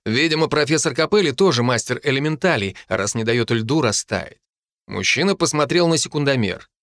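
A man's voice: mid-range voice, expressive, normal speed, fairly bright tone, no room sound. Male audiobook narrator, dry close recording. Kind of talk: scripted first-person audiobook narration.

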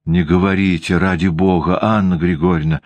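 A man's voice: low voice, fairly even intonation, moderate pace, a little mellow, no echo, natural voice. A man voicing a playful schoolgirl who begs an adult in a storybook reading. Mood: pleading. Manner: pleading, breathless. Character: frightened pleading playful schoolgirl.

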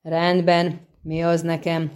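A woman's voice: on the low side, completely flat delivery, clear, resonant tone, natural voice. A woman doing a bellowing boastful dwarf herald. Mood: proud. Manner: loud, bellowing, cocky.

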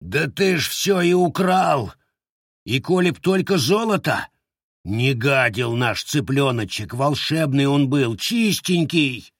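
A man voicing a greedy, foolish peasant who rants in a shrill, sobbing, self-pitying voice. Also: very animated, takes it slowly, dry recording, clean studio sound, exaggerated voice. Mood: wailing.

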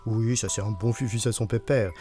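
A man's voice: on the low side, fairly even intonation, fairly quick, over music, close to an everyday voice. A man voicing an indulgent father who teases his son and grumbles when woken at night. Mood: teasing.

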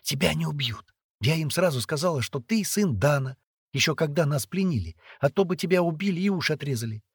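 A man reading aloud and voicing a spirited, bossy little girl who chatters in hushed, urgent tones. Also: on the high side, animated, brisk, breathy edge, dry recording, clean studio sound, pitched above the performer's own voice. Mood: chattering.

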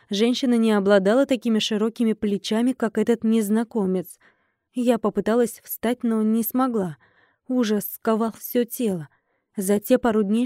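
Female audiobook narrator, mid pitch, brisk and firm; dry close-mic read. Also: warm tone, no room sound. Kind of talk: first-person audiobook narration.

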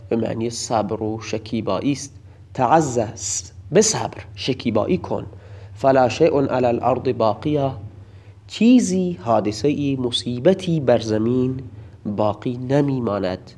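A man's voice: medium pitch, a little mellow. A man teaching a recorded grammar lesson, explaining each word in turn and sometimes reciting verse in a chanting lilt.

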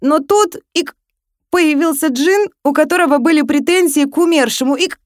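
Woman doing a hiccupy crafty dwarf guy, high and loud, babbling excuses. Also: moderate pace, no room sound, clean studio sound, lightly acted. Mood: wheedling.

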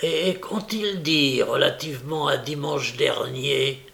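A man's voice: medium pitch, takes it slowly, vocal fry, bright, forceful tone, full character voice. A man reading aloud and voicing an old, scheming male criminal who presses and pleads urgently. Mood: frantic.

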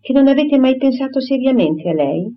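Woman voicing a firm, indignant young gentlewoman. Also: high-pitched, expressive, moderate pace, pitched above the performer's own voice. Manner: firm, crisp and formal. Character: indignant proper young gentlewoman refusing a suitor. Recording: dull lo-fi recording.

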